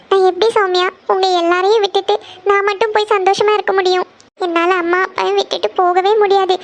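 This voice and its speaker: [name], a woman voicing a tearful cartoon big sister. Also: extremely high pitch. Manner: tearful, pleading, dwells on family hardship. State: crying. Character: worried young woman, eldest sister of a struggling family. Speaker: elder sister who gives tuition lessons.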